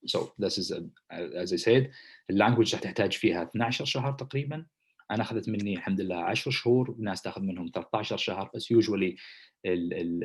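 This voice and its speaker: A man's voice: low voice, a little mellow, husky. A man with a Saudi accent, a doctor giving an informal talk that switches between Arabic and English, hesitant, with many fillers. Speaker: presenting doctor. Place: Germany.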